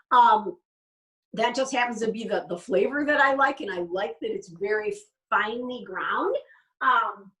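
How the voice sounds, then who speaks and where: A woman's voice: a little high, fairly bright tone, far from the mic, poor audio. A woman hosting a cooking class, chatting casually and explaining each step as she goes.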